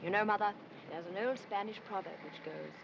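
An actress playing a gentle, sensible young daughter who speaks in a calm, soothing way. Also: female voice, mid-range voice, fairly quick, gravelly, natural voice. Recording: dull, hissy 1950s film soundtrack.

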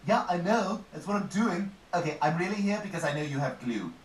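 A man's voice: high voice, animated, fairly quick. A scheming, precocious cartoon baby boy, insistent in manner. The clip is roomy, with a faint hiss. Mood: urgent. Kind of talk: animated sitcom acting.

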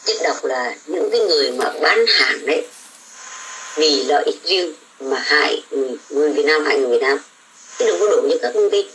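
A woman's voice: deep voice, lively intonation, a little fast, a bit bright, slight background noise, poor audio. An older woman, a domestic worker abroad, ranting about politics in a blunt, scolding way. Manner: blunt, scolding, coarse words. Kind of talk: casual political rant.

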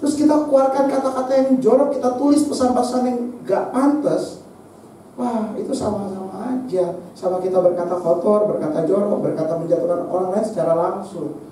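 A man preaching a lively youth sermon, joking and acting out examples with sound effects. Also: sits high, normal speed, a little hiss or hum. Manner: playful, jokey, acts out examples with sound effects. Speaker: youth pastor. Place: church hall. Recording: echoey hall from far off.

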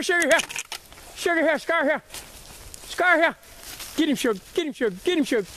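A man with a Southern US accent yelling short, repeated calls to his hunting dogs, urging them on like someone shouting from the sidelines. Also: very high-pitched. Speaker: hunter with rabbit dogs. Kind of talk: calling out to hunting dogs, yelling commands and encouragement. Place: outdoors in brushy woods. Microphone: handheld camera held by the speaker. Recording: outdoor handheld camera, faint noise.

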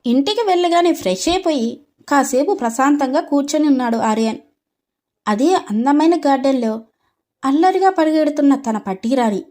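A woman narrating an animated storybook with expressive, scripted storytelling. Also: high-pitched, moderate pace.

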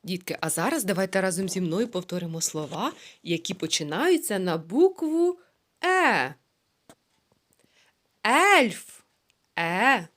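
Slow, lively-voiced woman teaching young children. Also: mid-range voice. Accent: Ukrainian. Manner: slow, drawn-out syllables, sounding out words. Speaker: preschool teacher. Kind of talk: children's phonics lesson.

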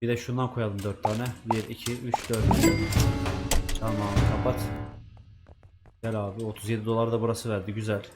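A man's voice: fairly low pitch, little pitch movement, moderate pace, pauses often, over loud music. A man giving casual let's-play commentary, chatting to himself and swearing at the game's characters. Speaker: gaming YouTuber.

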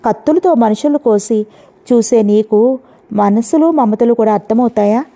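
A woman voicing a jealous young wife who speaks in sharp, sarcastic taunts, read in a storybook. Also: a little high, normal speed, natural voice. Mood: scornful. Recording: dull lo-fi audio.

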